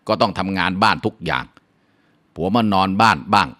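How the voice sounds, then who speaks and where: A man narrating a folk tale in a steady, measured way, with drawn-out filler sounds between phrases. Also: low-pitched. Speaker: storyteller.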